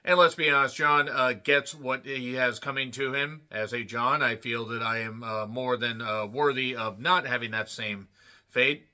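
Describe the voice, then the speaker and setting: Male reviewer, thirties, bright and sharp, loose jokey delivery full of wordplay. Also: mid-range voice, fairly even intonation, normal speed. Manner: jokey, rambling asides with wordplay and self-mockery. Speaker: film reviewer. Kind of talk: casual solo movie review.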